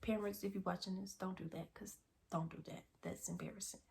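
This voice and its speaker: Young woman telling a lively storytime. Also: mid-range voice, brisk, gravelly, a little hiss or hum. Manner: animated, swings from loud outbursts to hushed asides. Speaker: vlogger. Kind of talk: casual storytime monologue.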